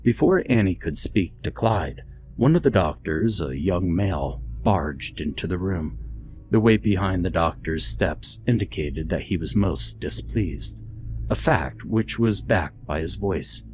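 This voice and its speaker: A man reading a scripted horror story in a steady, measured storytelling voice. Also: sits low. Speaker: narrator. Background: faint background music.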